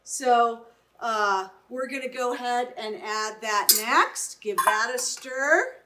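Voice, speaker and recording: A woman's voice: on the high side, takes it slowly, bright, forceful tone. A middle-aged woman chef giving an upbeat cooking demonstration in a home kitchen, often checking in with "right?".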